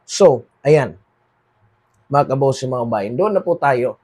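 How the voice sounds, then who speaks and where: A Filipino man with a Filipino accent hosting a political commentary monologue, moving between read English lines and Tagalog and dropping quieter at the end of phrases. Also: mid-range voice, expressive, takes it slowly, breathy edge. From Philippines. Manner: switches between read English and Tagalog, repeats "mga kaboses, mga kababayan"; trails off quieter at phrase ends.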